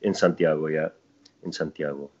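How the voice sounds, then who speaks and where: A man's voice: very deep voice, steady tone, normal speed, a little mellow. A middle-aged man from Chile, a podcast guest telling a long family story in a rambling way that keeps restarting itself. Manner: rambling, self-interrupting storyteller. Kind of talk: casual podcast conversation. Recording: dull lo-fi audio.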